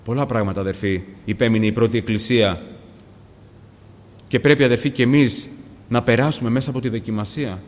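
A man preaching a sermon, addressing the congregation as brothers again and again and swinging from hushed tones to loud appeals. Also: mid-range voice, pauses often. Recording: long hall reverb.

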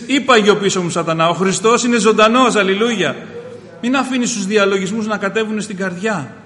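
High-voiced man preaching in a hall. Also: a little hiss or hum. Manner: impassioned preaching, swells loud on key phrases; addresses listeners as brothers. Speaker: pastor. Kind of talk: sermon. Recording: reverberant hall, faint ambience.

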